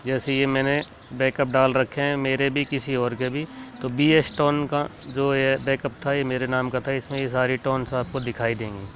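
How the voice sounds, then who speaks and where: A man calmly explaining, step by step, how to load files onto a keyboard, talking while he demonstrates. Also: mid-range voice, moderate pace. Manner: plain, instructive, talks while demonstrating. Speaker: keyboard tutorial host. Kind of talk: casual step-by-step tutorial. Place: indoors at a computer and keyboard. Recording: dull lo-fi sound with faint noise.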